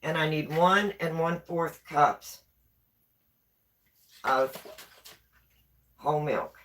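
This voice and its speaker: Taking it slowly, a woman with a low, slightly bright voice and a West Virginia accent hosts a casual baking live stream from her home kitchen. She chats and repeats herself while reading viewer comments. The tripod-mounted camera recording carries a little hiss or hum.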